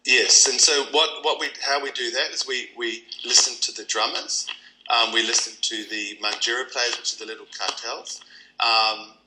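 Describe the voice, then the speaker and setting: A man's voice: mid-range voice, moderate pace, bright, forceful tone, poor audio. A man from New Zealand with a New Zealand accent, answering interview questions thoughtfully, with many ums and restarts. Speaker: kirtan teacher.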